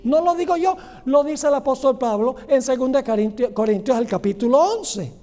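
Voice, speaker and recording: A man preaching a sermon as a pastor, animated, acting out the people in a parable with sudden jumps in pitch. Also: normal speed.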